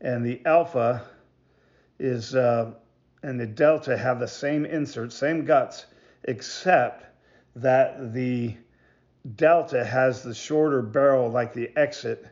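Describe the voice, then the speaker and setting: A man giving a casual product demonstration as a maker of hunting calls, talking in a halting, rambling way and often repeating himself. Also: medium pitch, a little mellow, lo-fi sound. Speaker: goose call maker presenting products.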